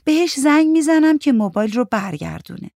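Woman putting on a jumpy young woman, real high pitch, defensive and begging, story reading. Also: sing-song, creaky, dark tone, no echo, studio quality, full character voice. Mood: pleading.

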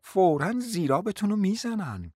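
A man voicing a bold, sharp-tongued lady with a sarcastic, needling manner. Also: high-pitched, sing-song, slightly rough, no echo, studio quality, pitched above the performer's own voice, full character voice.

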